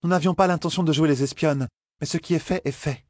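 A man's voice: a little high, fast, no room sound, studio quality, voice pushed up, natural voice. A man voicing an earnest young noblewoman, the heir to a throne, in an audiobook.

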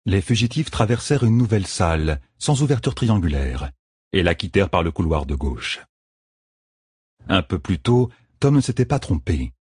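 A man narrating an audiobook chapter in a slow, measured reading. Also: low-pitched, sing-song, darkish tone, breathy edge, no room sound, studio quality. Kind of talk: scripted narration.

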